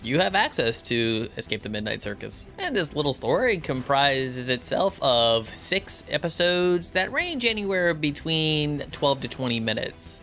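Speaking to camera from a small home studio, this thirty-something man hosts a YouTube review in a relaxed, chatty way. His medium-pitched voice is lively as he performs reactions and quotes, captured up close by a boom-arm mic.

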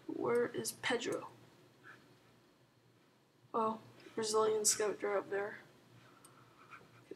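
A woman who hosts a gaming channel talks quietly through a strategy game despite being hoarse and ill with a sore throat. She rambles and hedges, full of "um" and "like," in a flat, slightly high voice, and the rough recording carries a faint hiss.

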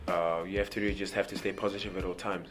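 A young South African rugby player with a very low voice gives a relaxed, rambling interview answer at a quick pace, seated before a press backdrop. He stumbles over repeated words and leans on "you know". Clear music runs under his voice the whole time.

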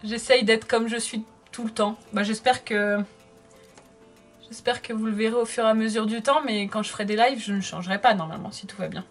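A chatty woman in her thirties answers comments while she does her makeup at home. Her voice sits a little high, and she talks in a bubbly, casual way. Soft music plays faintly behind her. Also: brisk. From France. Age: 30s. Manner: chatty and bubbly, reads viewer comments aloud. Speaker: makeup vlogger.

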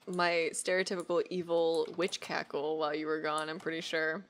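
A woman's voice: deep voice, completely flat delivery, normal speed. A woman playing a game with friends, giggly and playful, laughing often. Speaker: fellow player. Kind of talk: casual gaming chat.

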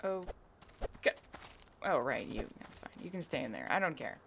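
A woman's voice: deep voice, big pitch swings, moderate pace. A young adult woman giving casual live gameplay commentary, playfully musing aloud to herself. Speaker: video game streamer. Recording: clearly noisy live stream with clicks.

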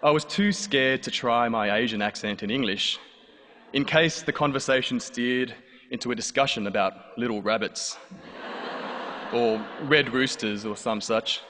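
Onstage in a big hall with a live crowd, this thirty-something Australian delivers a funny personal story with dry wit. His medium-pitched voice is bright and forceful, moving a little slowly. Long reverb and faint noise fill the recording.

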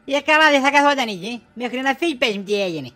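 A woman doing a bright, prying gossip of a wife. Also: high voice, expressive. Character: nosy gossiping wife, middle-aged. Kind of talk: comedy sketch acting.

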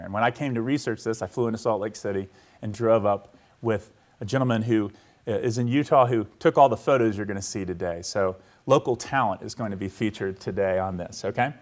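A man's voice: lowish voice, a little fast. A man giving a university lecture to a live audience in a hall. He talks conversationally, keeps checking in with the room, and walks listeners through a scene he asks them to picture.

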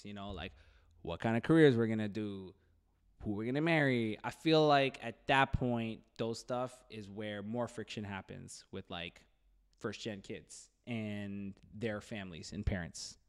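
A man's voice: fairly low pitch, normal speed, smooth. Slangy man chatting on a podcast. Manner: slangy, rambling, lots of "like". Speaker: podcast host. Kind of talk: casual, animated podcast chat. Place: dark indoor podcast studio. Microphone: close podcast mic on boom arm.

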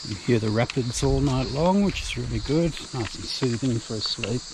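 An Australian man showing off his camping setup in a relaxed, plain-spoken walk-through, filmed outdoors on a handheld camera. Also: medium pitch, noisy background. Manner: relaxed, plain-spoken, unhurried tour guide. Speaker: camping vlogger. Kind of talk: casual walk-through narration. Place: outdoor bush campsite. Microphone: handheld action camera.

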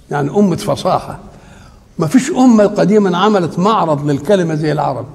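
Gravelly Egyptian man teaching in a hall. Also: high-pitched, darkish tone. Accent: Egyptian Arabic. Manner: asks the listeners rhetorical questions for them to complete. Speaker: Quran teacher. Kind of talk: religious lecture on Quran commentary. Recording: long hall reverb.

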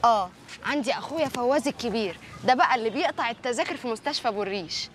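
A woman's voice: on the high side, expressive, racing, fairly bright tone, a little hiss or hum. An actress playing a naive, chatty young neighborhood woman who asks curious questions, in Egyptian Arabic.

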